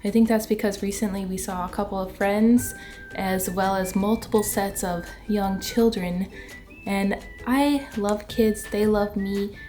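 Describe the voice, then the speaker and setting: With a mid-range, warm voice and fairly even intonation, this young adult woman talks unhurriedly through a casual vlog. She's bubbly and playful, laughs a lot, and sounds stuffy from a cold. The scene shifts from her living room to a post office, with roomy acoustics and background music.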